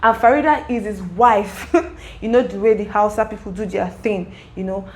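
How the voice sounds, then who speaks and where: A woman's voice: medium pitch, normal speed, darkish tone, rough recording. A young woman casually recapping a web series episode, talking straight to the characters. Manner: chatty, emotional asides to the characters.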